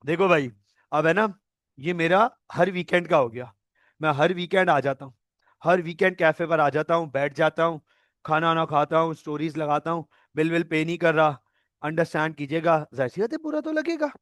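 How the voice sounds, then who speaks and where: A man's voice: a little high, moderate pace, a bit bright, no echo. A male accounting tutor giving an online lecture, playfully acting out scenarios and mixing in English terms.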